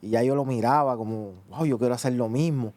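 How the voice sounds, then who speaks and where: Puerto Rican man, mellow halting speech. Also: mid-range voice, dry recording. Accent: Puerto Rican Spanish. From Puerto Rico. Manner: halting, many "eh" and "pues" restarts. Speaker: guest giving testimony. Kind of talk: personal testimony in conversation.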